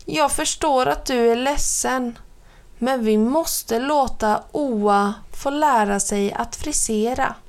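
A woman voicing a calm young man explaining himself patiently to a sad child. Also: on the high side, close to an everyday voice. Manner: reasonable, explaining. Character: calm young man, trainee preschool teacher.

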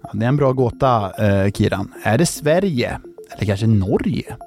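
Gravelly-voiced guy hosting a kids podcast, goofy jokes and slow drawn-out riddles, soft music in the back. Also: on the low side, expressive. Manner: jokey, drawn-out riddle reading. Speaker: children's podcast host. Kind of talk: playful riddle-and-joke podcast chat.

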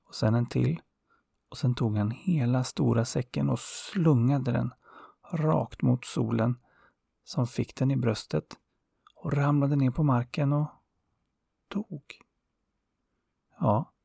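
A man telling a folktale in a calm, unhurried way, with the odd small filler. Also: mid-range voice, gravelly, husky, dry recording, clean studio sound. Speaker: storyteller. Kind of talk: oral folktale narration.

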